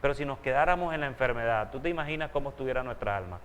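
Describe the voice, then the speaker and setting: A pastor preaches in a steady mid-range voice and teaches earnestly, often turning to his listeners with questions. His voice rings out with a long reverb from a church hall. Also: mid-range voice, rapid-fire, a little hiss or hum. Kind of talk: sermon.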